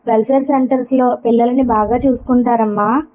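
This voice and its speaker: A woman voicing a gentle, worried grandmother in a read-aloud story, speaking in a soothing, tender way. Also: fairly high pitch, steady tone, brisk, close to an everyday voice. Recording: dull lo-fi recording.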